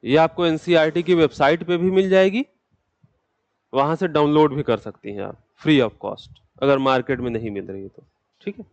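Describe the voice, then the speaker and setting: A man's voice: fairly high pitch, normal speed, dry recording. Patient fatherly male teacher, muffled. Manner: patient, fatherly, addresses students as beta. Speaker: geography teacher. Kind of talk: classroom lecture. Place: classroom.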